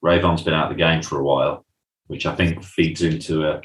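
A man's voice: extremely low pitch, flat delivery, brisk. A man, co-hosting a podcast and chatting casually through a recap, often acting out lines from scenes. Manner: chatty, quotes scenes in funny voices. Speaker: podcast co-host. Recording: roomy echo.

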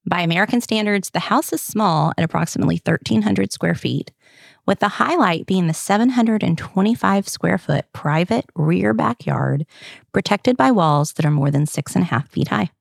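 Gravelly Southern woman podcast host. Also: fairly low pitch, normal speed, dry recording, studio quality. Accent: Southern US, Kentucky. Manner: chatty, upbeat, jokes. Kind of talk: casual scripted narration.

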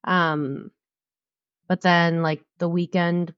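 Slightly muffled lo-fi audio captures a young podcast co-host in her twenties, a little nasal with a cold, rambling and giggling through a casual chat full of "like"s. She speaks slowly in a lowish, level voice with a clean tone and no echo.

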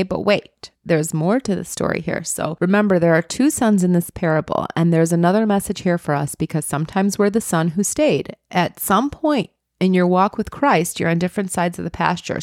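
Woman on a church podcast telling a bible story, low gravelly voice, dry sound, acts out the characters. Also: brisk, few pauses, darkish tone, no room sound. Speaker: podcast co-host. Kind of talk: casual faith podcast chat, retelling a parable.

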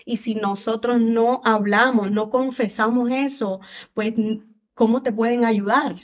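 A woman's voice: fairly high pitch, fairly even intonation, a little slow. Woman dotting her talk with tag questions. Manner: tag questions and fillers, repeatedly saying "¿verdad?" and "este". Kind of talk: conversational devotional discussion.

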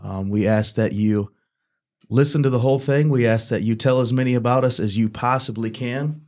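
A man in his twenties hosts a casual church podcast, opening with a prayer spoken aloud. His medium-pitched, slightly mellow voice stays fairly even at a moderate pace, and he's earnest, repeating "God" between phrases.

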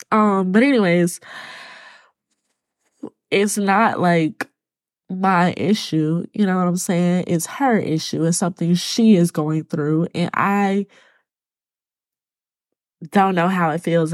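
A woman hosting her own podcast, talking to her listeners in a halting, choked-up way and close to tears. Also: on the low side, dry recording. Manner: speaks to listeners as y'all. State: tearful. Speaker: podcast host. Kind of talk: personal solo podcast talk.

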